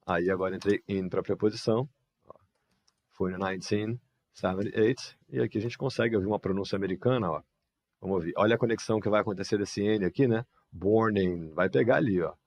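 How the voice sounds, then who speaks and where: A man teaching a live English lesson, explaining step by step and saying the example phrases slowly. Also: on the low side. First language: Portuguese.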